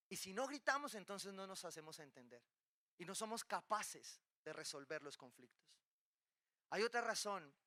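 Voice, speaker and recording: A male pastor delivers a sermon with a high, very bright and sharp voice. He keeps it lively, tossing rhetorical questions to the congregation and slipping in playful asides. The sound is dry and close, with little room around it. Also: no echo. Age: adult, married with children.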